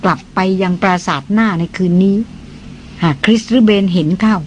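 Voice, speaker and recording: Reader voicing a shy young man, low murmur, hesitant, flustered, polite. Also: normal speed, lo-fi sound, slight background noise, natural voice.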